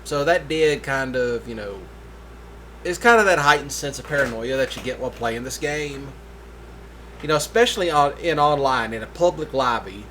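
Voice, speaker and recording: A man's voice: mid-range voice, bright, forceful tone, a little hiss or hum. A tired man rambling through a laid-back voice-over for his gaming video late at night, with yawns between thoughts. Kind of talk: casual voice-over commentary.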